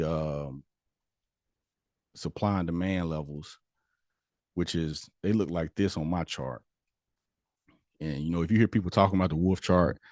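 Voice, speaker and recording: Low-voiced man teaching a trading class. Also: a little mellow, no room sound, clean studio sound. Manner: loose, conversational explaining while walking through a chart. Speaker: trading instructor. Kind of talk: casual screen-share trading lesson.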